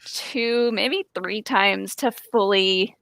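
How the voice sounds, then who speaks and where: Slow, hesitant woman in dry sound. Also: medium pitch, vocal fry, fairly bright tone, no echo. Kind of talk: casual chat.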